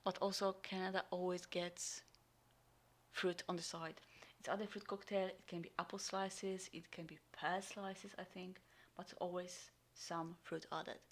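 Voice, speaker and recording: A woman vlogger unboxing and reviewing a military ration in casual talk, full of ums and sometimes dropping into a soft whisper. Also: fairly low pitch, little pitch movement, a little slow. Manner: chatty, frequent ums, drops into soft whispers. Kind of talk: casual unboxing and taste test.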